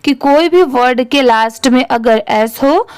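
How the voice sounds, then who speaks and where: A young woman teaching English reading, spelling each word letter by letter and sounding it out slowly. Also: high-pitched, clean tone. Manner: spells words letter by letter, slow and deliberate. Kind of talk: Hindi-language reading lesson.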